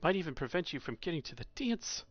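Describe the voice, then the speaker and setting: A man's voice: fairly high pitch, fast, no echo, highs cut off, faint music behind. A man live-streaming, narrating a visual novel in second person between chatty asides. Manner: lively, laughs at his own slips.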